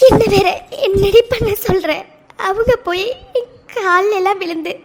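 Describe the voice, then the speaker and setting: A woman voicing Mithu, a heartbroken young woman in a cartoon, speaking in a high, tearful voice. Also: fairly even intonation, brisk, a little mellow. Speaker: cartoon character. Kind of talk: Tamil cartoon voice acting.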